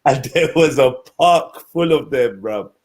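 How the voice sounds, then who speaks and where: A man's voice: mid-range voice, lively intonation, measured pace. A man with an urban London roadman accent, telling anecdotes casually in street slang with frequent tag questions. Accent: London, urban multicultural street. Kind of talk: casual anecdotal chat on a live show.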